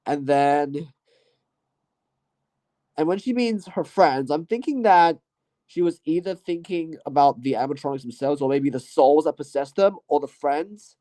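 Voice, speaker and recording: A man with a fairly high, mellow voice talks casually into the mic on his own. His talk wanders and hedges, with "you know" and "I guess" scattered through it and thoughts that trail off before he picks them back up. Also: measured pace. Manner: rambling and hesitant, full of "you know" and "I guess". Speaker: channel host. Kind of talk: casual solo year-in-review talk.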